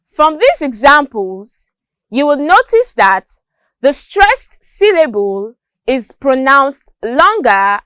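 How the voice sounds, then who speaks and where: A woman teaching English word stress in a scripted lesson, reading word lists carefully and clearly. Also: high-pitched, fairly bright tone, no echo.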